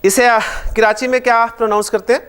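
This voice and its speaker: High-voiced, animated male grammar teacher. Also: smooth. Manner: animated, asks the class frequent check questions. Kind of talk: classroom lecture.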